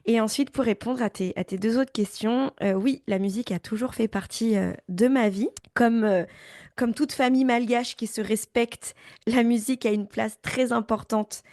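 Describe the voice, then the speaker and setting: A young woman from Paris speaks as a guest in a relaxed interview. Her voice is dark and mellow, recorded close and dry. She talks thoughtfully and pauses often, repeating small words as she works out her answers. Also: fairly high pitch, dry recording. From Paris, France. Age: young adult. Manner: thoughtful, many hesitations and repeats. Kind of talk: casual interview talk.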